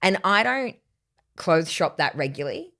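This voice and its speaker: A woman's voice: lowish voice, big pitch swings, normal speed, sharp tone. A woman in her thirties with an Australian accent, co-hosting a casual chat podcast and telling self-mocking stories. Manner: chatty, storytelling, self-mocking. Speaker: podcast co-host.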